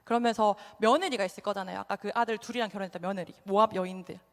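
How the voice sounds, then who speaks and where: A woman's voice: mid-range voice, fairly even intonation, racing. A young woman evangelist giving a conversational sermon to a youth group, chatting and asking the audience direct questions. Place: church hall. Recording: long hall reverb.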